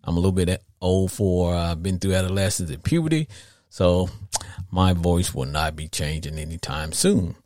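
A Southern-accented, middle-aged podcast host chats about sports in a loose, folksy, rambling manner, often repeating phrases to stress them. His voice is low and a little mellow with fairly even intonation at a moderate pace, recorded dry in clean studio sound.

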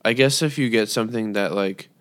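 A man's voice: fairly low pitch, fairly bright tone, no echo. A young man co-hosting a casual podcast from home, hesitant and full of fillers. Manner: slow, hesitant, many fillers. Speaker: podcast co-host. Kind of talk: casual chat. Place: home, remote recording.

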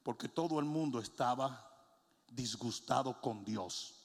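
A middle-aged man preaching a sermon in a large church, telling funny stories and then shouting as he builds. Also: medium pitch, unhurried. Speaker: pastor. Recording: long hall reverb.

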